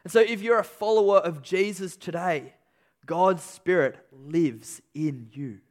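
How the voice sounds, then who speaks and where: A man preaching a sermon with an emphatic delivery, slowing on key phrases and swinging between loud peaks and quiet endings. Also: high voice. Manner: emphatic, rising and falling delivery with slow stressed phrases.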